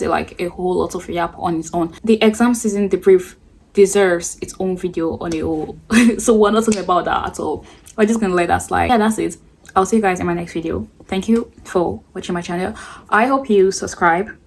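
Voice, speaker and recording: A late-teen girl with a lowish voice and vocal fry rambles chattily while doing her makeup for a get-ready-with-me video, calling it yapping herself. She's a beauty vlogger, and there's slight background noise.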